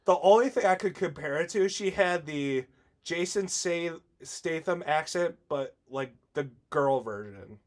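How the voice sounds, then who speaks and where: Cursing storyteller man, slightly high voice. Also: lively intonation, unhurried. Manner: loose storytelling, heavy cursing, laughs mid-story. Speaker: podcast co-host. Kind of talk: casual chat.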